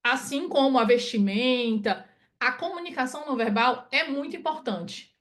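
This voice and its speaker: Her voice sits high and moves at a moderate pace as she talks. She is a woman from Ceará, Brazil, a project management consultant leading a chatty video-call webinar and peppering it with "né?".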